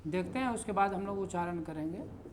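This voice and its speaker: A woman teaching a grammar lesson in a slow, explanatory way, with many fillers and repeated example sentences. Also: on the low side, animated, a little mellow, slight background noise. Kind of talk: lecture.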